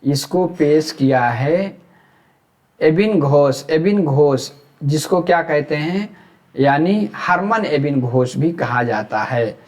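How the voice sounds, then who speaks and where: A man's voice: a little high, expressive, slow pace, a little mellow. A man from India with a Hyderabadi Urdu accent, teaching an exam-prep lecture. He asks questions aloud and then answers them himself.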